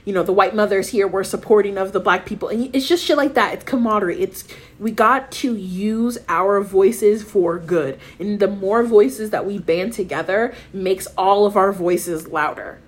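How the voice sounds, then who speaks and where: A woman's voice: medium pitch, normal speed. An American woman talks as a podcast co-host. Her speech is informal and impassioned, with emphatic, repeated rallying phrases and blunt swearing. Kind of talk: casual, impassioned podcast talk.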